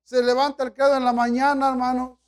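Man, pastor, sermon, very high voice, lively retelling, addresses brothers. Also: a little fast.

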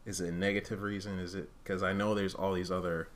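Deep-voiced and quick, he speaks with little movement in pitch. He's a Uganda-born man raised in Rwandan culture, co-hosting a podcast in a relaxed, frank way, reasoning aloud and often qualifying what he says.

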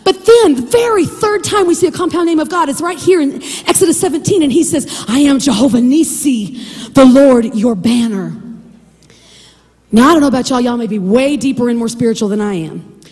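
A woman preaching with a high voice. Her delivery swings widely in pitch as she drives her points home, often rising to near-shouts. The sound carries a long reverb tail. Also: fast. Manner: animated, preachy, shouts and laughs for emphasis. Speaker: podcast host and Bible teacher. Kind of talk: preaching devotional podcast.

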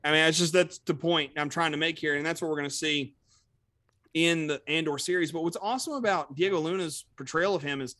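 A man's voice: fairly high pitch, a little fast, bright, forceful tone, dry recording, clean studio sound. A man co-hosting a casual podcast, rambling and full of "you know" and "like". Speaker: podcast co-host.

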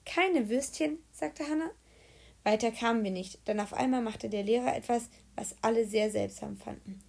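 A woman narrating a children's audiobook in a lively, humorous read-aloud manner. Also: medium pitch, brisk, vocal fry.

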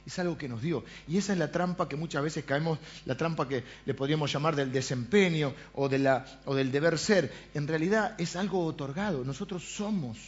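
A man preaching a sermon, asking rhetorical questions and often dropping to a quiet aside. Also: fairly high pitch, a little fast, hardly any pauses, muffled recording.

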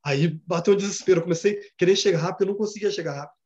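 Earnest high-voiced man telling a story. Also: rapid-fire, darkish tone. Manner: earnest, repetitive storytelling with fillers. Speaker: study group member. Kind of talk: casual storytelling. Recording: dull lo-fi sound.

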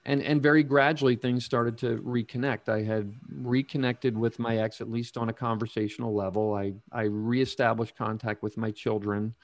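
A middle-aged man recounts his past in an unhurried, reflective way, pausing often with ums and small restarts. His voice sits at an ordinary pitch and is recorded dry and close, with almost no room sound. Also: fairly even intonation, no echo. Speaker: guest sharing recovery story. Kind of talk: casual interview talk.

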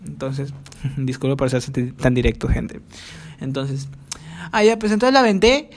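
This podcaster's medium-pitched voice has a sing-song lilt and a slightly slow pace, with a little hiss or hum on the recording. Alone at home, he spins rambling childhood tales, cursing crudely, poking fun at himself, and stuffing his chatty talk with fillers.

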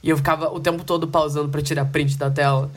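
A man's voice: fairly high pitch, level tone, quick pace. A Brazilian man co-hosting a film podcast, talking in a casual, informal and enthusiastic way. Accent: Brazilian Portuguese.

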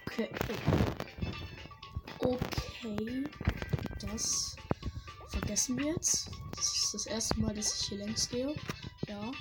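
A woman giving casual, hesitant, self-deprecating gameplay commentary, recorded in low quality straight into a tablet's built-in microphone. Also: takes it slowly, long pauses, poor audio. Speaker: gaming streamer. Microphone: built-in tablet microphone, no separate mic. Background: music.

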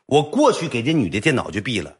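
A man with a Northeastern Mandarin accent telling a comic story on a livestream, animated and colloquial. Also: mid-range voice, quick pace, husky. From Northeast China. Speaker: storyteller streamer.

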